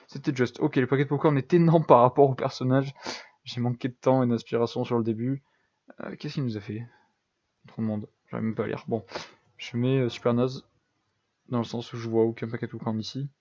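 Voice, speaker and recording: A man's voice: mid-range voice, darkish tone, dull audio. A young man giving casual, self-deprecating commentary over a building game, thinking aloud with lots of fillers. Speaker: gaming YouTuber.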